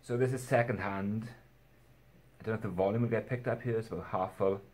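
A man's voice: on the low side, steady tone, a little fast, a little mellow. A young man chatting casually in a home vlog, rambling and self-deprecating, swearing now and then. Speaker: fragrance reviewer.

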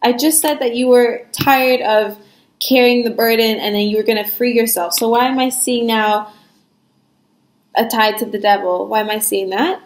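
A woman's voice: a little high, steady tone, normal speed, reverberant, poor audio. A young woman giving a casual tarot reading, talking frankly and reassuringly with lots of fillers. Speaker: tarot reader.

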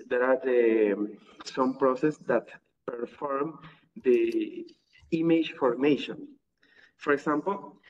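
A man's voice: medium pitch, a little hiss or hum. A man from Ecuador, giving an online academic talk over a video call with many fillers and restarts. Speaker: guest lecturer. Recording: distant, dull video call audio.

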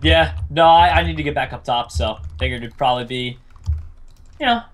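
A man's voice: mid-range voice, fairly quick. A man in casual gameplay chat, bantering playfully and repeating his phrases. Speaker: gaming video host and player.

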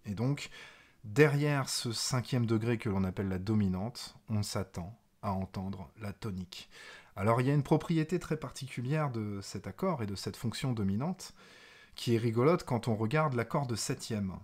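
A man teaching music theory in a lively, emphatic way, with playful asides, as he plays examples on the piano. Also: fairly low pitch, moderate pace. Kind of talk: explanatory video lesson. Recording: piano playing alongside the voice.

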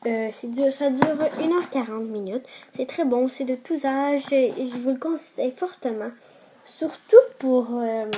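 A fairly high, mellow-toned woman with a Québécois French accent gives casual film reviews. She talks in a chatty, enthusiastic way and hesitates often with fillers. A faint noise sits behind her voice.

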